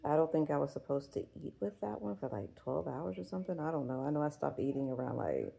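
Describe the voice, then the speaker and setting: A woman in her forties talks loosely to her viewers with a gravelly, fry-laced voice. Her tone is dark and mellow. She rambles, swears freely and leans on fillers. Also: deep voice, sing-song, fast, poor audio. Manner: rambling, profane, full of fillers. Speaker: vlogger. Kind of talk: casual chat.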